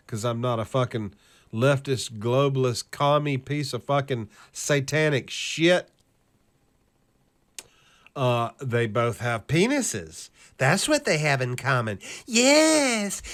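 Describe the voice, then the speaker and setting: This current-events host is a man with a mid-range voice who speaks at a slow pace. His commentary over the clips is a profane, scornful and sarcastic rant, and he reads lists in an even cadence.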